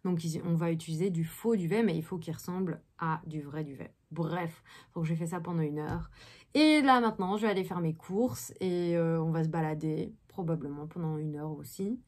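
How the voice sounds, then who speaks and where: Chatty low-voiced woman in her thirties. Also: normal speed, darkish tone. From Belgium. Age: 30s. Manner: chatty, many fillers. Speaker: actress vlogger. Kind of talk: casual daily vlog.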